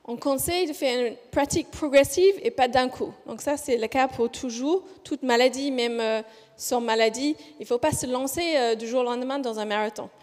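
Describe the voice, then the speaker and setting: A high-voiced, slightly mellow Australian woman, a physiotherapist researcher, presents her study at a conference in a large hall. She speaks slowly and deliberately, often hesitating and correcting herself, and the recording carries long hall reverb.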